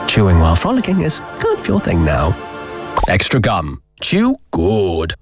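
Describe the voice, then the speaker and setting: Low deadpan man in advert. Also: normal speed, soft background music. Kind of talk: deadpan guided-meditation parody advert.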